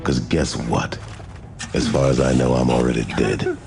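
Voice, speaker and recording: An actor playing a menacing male enforcer who delivers threats in a gravelly voice. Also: rumbling low, normal speed, music in the background. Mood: threatening.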